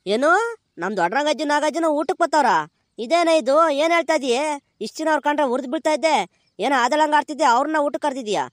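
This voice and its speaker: A woman's voice: sits high, fast, dry recording, studio quality, pitched below the performer's own voice, close to an everyday voice. A woman voicing a cheeky, puzzled village husband for a cartoon. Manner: teasing, quizzical.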